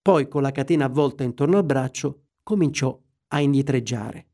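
A man narrating a classic story in a measured, expressive way. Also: mid-range voice.

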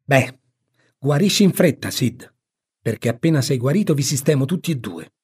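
A man's voice: mid-range voice, animated, normal speed, breathy edge. A man voicing an exasperated, flustered storybook aunt who sputters and scolds. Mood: exasperated, scolding.

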